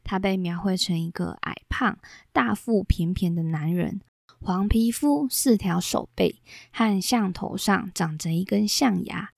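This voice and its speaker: A woman hosting a podcast, steadily retelling old myths in a measured storytelling way. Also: mid-range voice, creaky, darkish tone, no room sound, studio quality. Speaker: podcast host.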